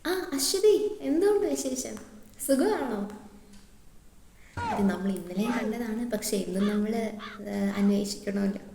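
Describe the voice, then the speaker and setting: A woman's voice: a little high, expressive, measured pace, creaky, pauses often. A woman playing a chatty, nosy class teacher at a parents' meeting who repeats herself a lot, in a comic sketch monologue. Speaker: comedy sketch performer. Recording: echoey room, faint noise.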